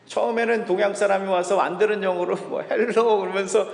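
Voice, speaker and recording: A man's voice: high-pitched, fairly even intonation, fast, vocal fry. A male pastor preaching a sermon, telling a story and acting out the people's words. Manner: storytelling preacher, acts out quotes. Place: church sanctuary. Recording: echoey church hall.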